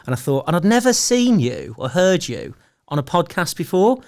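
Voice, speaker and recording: A man's voice: high-pitched, very animated, moderate pace, darkish tone. A man hosting a podcast interview, joking and teasing his guest, often restarting his sentences. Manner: jokey, self-deprecating, stumbling restarts. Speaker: podcast host. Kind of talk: casual interview chat.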